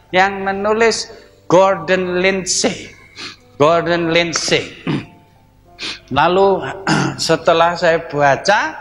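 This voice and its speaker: Animated high-voiced preacher in reverberant hall. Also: male voice. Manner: animated storytelling, laughing, acting out dialogue. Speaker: evangelist. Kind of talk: sermon testimony. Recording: hall reverb with faint music.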